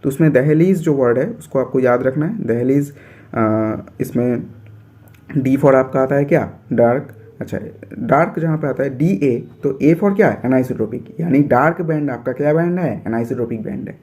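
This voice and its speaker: A man's voice: medium pitch, moderate pace, dark tone. A young man from India teaching biology for an entrance exam, explaining step by step and repeating his points.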